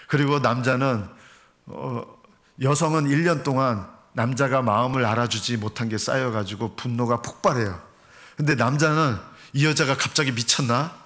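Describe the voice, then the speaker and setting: A middle-aged male pastor giving a sermon in a church. He talks in a lively, joking way and acts out quarrels between a husband and wife in little voices. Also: mid-range voice. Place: church sanctuary.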